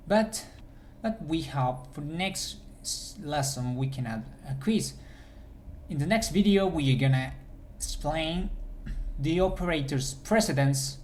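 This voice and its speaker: Male coding instructor, unhurried screencast delivery with a faint hum under the voice. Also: on the high side, darkish tone. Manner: thinks aloud while typing, with restarts. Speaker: programming instructor. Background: keyboard typing.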